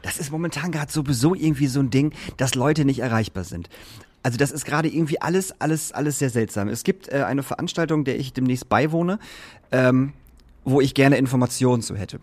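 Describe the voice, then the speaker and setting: A man tells a story in an animated way during a casual chat, swearing offhandedly now and then. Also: medium pitch, a little fast. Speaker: podcast co-host, artist manager.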